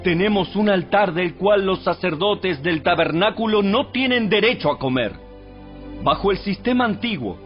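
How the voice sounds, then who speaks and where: A man narrating a dramatized audio Bible from a script in a solemn, measured, exhorting manner. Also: sits high. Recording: dull radio-like sound with music behind. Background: music.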